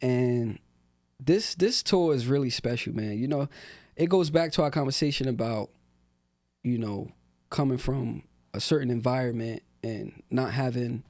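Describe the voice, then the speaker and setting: This rapper from Newark, New Jersey talks casually as a guest on a podcast, relaxed and full of fillers in an easy interview style. He has a mid-range voice at a moderate pace, captured dry with clean studio sound.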